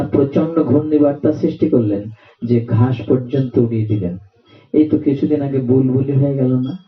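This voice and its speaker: Man preaching and telling holy stories at a night gathering, muffled lo-fi sound. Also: mid-range voice. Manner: storytelling, acts out quotes, chants verses. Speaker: scripture reciter and preacher. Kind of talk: devotional scripture discourse. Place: night gathering in an open courtyard. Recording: roomy, distant, dull sound.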